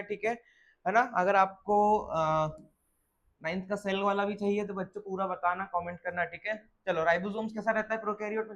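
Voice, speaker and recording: A young man teaching biology gives a classroom lecture step by step, posing questions aloud and answering them himself while often saying "theek hai." His voice sits high, and the audio sounds dull.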